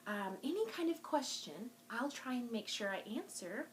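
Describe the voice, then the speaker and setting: A very animated woman with a voice on the high side talks to young children at a normal speed, hosting a virtual storytime as a children's librarian. Sing-song and encouraging, she shows and explains things in a craft and show-and-tell video, with slight background noise.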